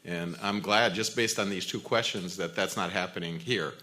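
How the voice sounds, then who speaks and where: A man on a forum panel, speaking in an earnest, measured way. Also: deep voice, bright, forceful tone. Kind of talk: panel discussion.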